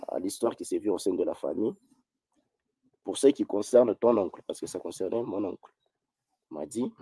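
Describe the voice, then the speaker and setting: A man's voice: low voice, mellow, breathy edge, dry recording. A man speaking as a debate guest, formal and hesitant, stammering as he answers. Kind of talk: debate on a call.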